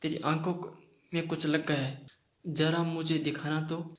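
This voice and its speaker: A mischievous fairy queen who teases and complains, as a man reads her lines in his own slightly high, flat voice. The sound rings in a roomy, echoey space. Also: moderate pace, close to an everyday voice. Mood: teasing. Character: mischievous female fairy queen, young-seeming.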